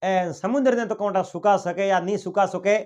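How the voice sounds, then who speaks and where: Man, Marwari accent, folk storyteller, high voice, animated delivery. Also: moderate pace. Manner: animated, voices characters with rising pitch. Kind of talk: oral folk tale narration.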